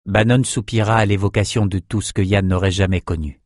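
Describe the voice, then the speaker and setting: A man narrating a fantasy audiobook in a measured, even storytelling manner. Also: lowish voice, no echo, clean studio sound.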